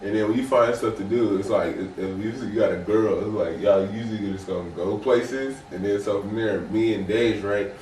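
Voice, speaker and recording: A man's voice: fairly low pitch, moderate pace, hardly any pauses, darkish tone, recorded from a distance. A young man in his twenties, co-hosting a podcast, telling long slangy stories in casual chat. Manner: rambling storyteller, slangy, acts out quotes. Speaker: podcast co-host. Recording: roomy sound, off-mic, faint noise.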